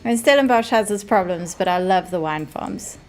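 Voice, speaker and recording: A woman's voice: mid-range voice, expressive, brisk, soft background music. A woman with a South African accent, chatting casually with viewers while playing a game and reading their messages aloud. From South Africa, Cape Town. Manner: chatty, reads chat aloud, laughs easily. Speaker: streamer. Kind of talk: casual live-stream chat while gaming.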